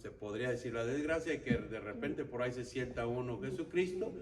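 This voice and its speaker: A man's voice: mid-range voice, brisk. A man teaching a church prayer group, instructive and often checking that listeners follow. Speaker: lay instructor of an intercession ministry. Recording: distant mic, faint background noise.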